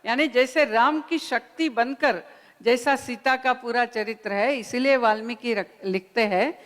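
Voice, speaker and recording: A woman with a fairly high voice delivers a spiritual lecture at a very slow, deliberate pace. She tells the old story patiently and acts out the characters' lines as she goes. Her voice carries a long reverb from a large conference hall. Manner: unhurried storytelling with quoted dialogue. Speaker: speaker at a Ramayana conference. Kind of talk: spiritual lecture retelling scripture.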